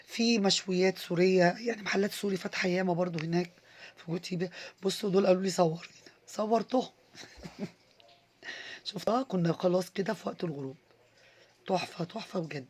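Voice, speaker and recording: Husky, fast-talking Egyptian woman vlogger. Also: on the low side, darkish tone. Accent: Egyptian Arabic. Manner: chatty, enthusiastic, addresses viewers directly. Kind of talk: casual vlog voice-over.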